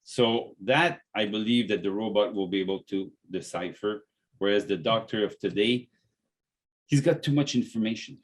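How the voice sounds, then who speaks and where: Guy hosting a health podcast, casual chat, keeps restarting his sentences, stumbles on words. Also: lowish voice. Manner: halting, repeats words often. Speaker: podcast host and natural health business owner.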